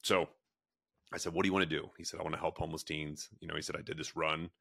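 A man with an extremely low voice tells a long, meandering story as a guest on an interview show. He leans on fillers and restarts, and the recording is dry and close. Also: flat delivery, fast, gravelly, a bit bright, no echo. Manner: rambling, filler-heavy storytelling with many restarts. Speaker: guest, pet treat company founder.

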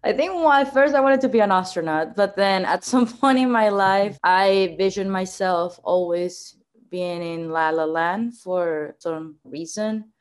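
A woman's voice: medium pitch, unhurried. A woman from Venezuela, a guest answering interview questions in a chatty way, often laughing and using fillers. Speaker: guest, marketing manager.

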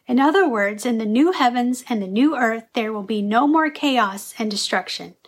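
A woman in her thirties from Tennessee hosts a faith vlog, speaking in a somewhat high voice. She keeps an earnest teaching tone with a touch of humor and delivers scripted commentary. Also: expressive, normal speed, breathy edge. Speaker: vlog host.

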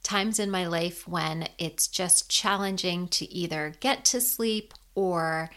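A woman in her fifties hosting a podcast and guiding a sleep meditation in a slow, soothing, gentle way. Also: fairly low pitch. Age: 50s.

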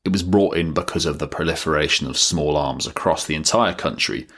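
A man's voice: rumbling low, a little fast, fairly bright tone. A man narrating an educational history explainer, with wry, dry joking asides. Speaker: educational video presenter.

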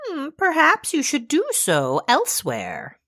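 A woman's voice: sits high, wildly swooping pitch, unhurried, fairly bright tone, dry recording, studio quality, exaggerated voice. A woman playing a prim, haughty shop mistress. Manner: stiff, formal, haughty diction. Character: prim, formal woman who runs a potion shop. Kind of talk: audio drama acting.

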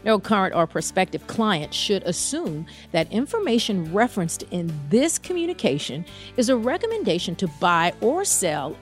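A woman reads a scripted legal disclaimer in a formal, measured announcer's delivery. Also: medium pitch.

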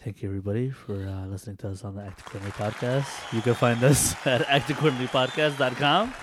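A man's voice: mid-range voice, fairly even intonation, fast talker, crowd noise, noisy background. A man co-hosting a podcast, chatting casually and teasing with frequent laughs. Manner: giggly, teasing. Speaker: podcast co-host. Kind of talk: casual chat.

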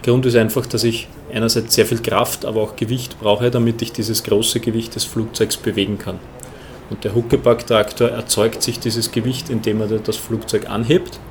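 Man, Austrian accent, lowish creaky voice, measured expert explanations, background noise. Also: level tone. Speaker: interviewed airport ground handling manager. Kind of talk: explanatory interview answers.

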